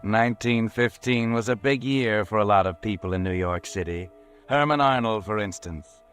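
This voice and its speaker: A man playing the Whistler, an eerie, all-knowing narrator who walks by night, telling the story slowly and ominously in a 1940s radio drama. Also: lowish voice, fairly bright tone, natural voice. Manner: slow, ominous, measured storytelling. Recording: old radio recording with faint music.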